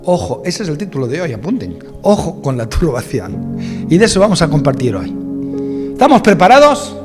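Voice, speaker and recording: Man, pastor's sermon, engages the congregation, soft music underneath, reverberant hall. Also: a little high, normal speed. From Spain. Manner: lively, addresses the congregation directly, jokes and asks questions. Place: church hall.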